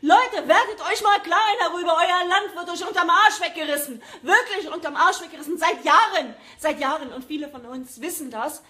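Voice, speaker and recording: A woman's voice: extremely high pitch, moderate pace, few pauses, bright, forceful tone. A woman from Germany in an agitated live-stream rant to her viewers, repeating phrases for emphasis. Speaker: vlogger addressing viewers.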